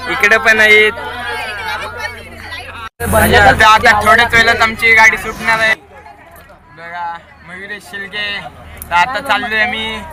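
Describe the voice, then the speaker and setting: Young guy vlogging on a bus, kinda high voice, talks nonstop showing everyone around, lots of people chattering behind. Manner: chatty, keeps pointing things out to viewers. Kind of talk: casual vlog narration. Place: inside a moving bus. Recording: phone recording in a noisy, crowded bus. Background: chattering passengers on the bus.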